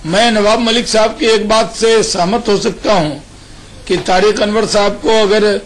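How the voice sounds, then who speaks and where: A man with a notably high voice argues his party's line in a television debate. He speaks firmly and insists on his case. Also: steady tone, unhurried, low-quality recording. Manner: firm, argumentative. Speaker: party spokesman. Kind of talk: political debate on a phone line.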